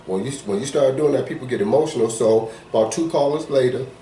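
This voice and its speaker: A man co-hosting a podcast in casual chat, telling a story in a calm, measured way. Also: medium pitch, reverberant, distant mic, a little hiss or hum, poor audio. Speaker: podcast co-host.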